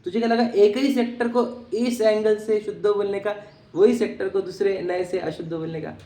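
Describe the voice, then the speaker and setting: A man's voice: sits high, fairly even intonation, moderate pace, dark tone. Man teaching in an echoey room. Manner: keeps checking that listeners follow. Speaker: teacher of Jain philosophy. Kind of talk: explanatory religious lecture.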